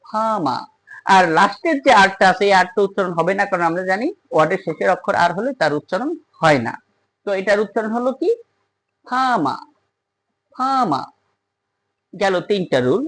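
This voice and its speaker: Teacher walking viewers through pronunciation rules, says everything twice, mid pitch. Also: expressive, fast, a bit bright, rough recording. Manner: repetitive, patient, addresses viewers directly. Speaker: English teacher.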